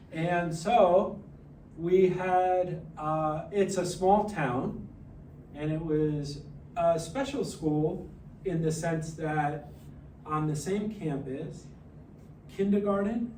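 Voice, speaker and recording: A presenter in his forties, from Hawaii and raised partly in New Jersey, introduces himself to a class with slides, speaking slowly and carefully with frequent pauses and fillers like "uh" and "so." His voice is slightly high and warm, set back from the mic in a roomy, echoing space with faint music underneath and a little hiss or hum.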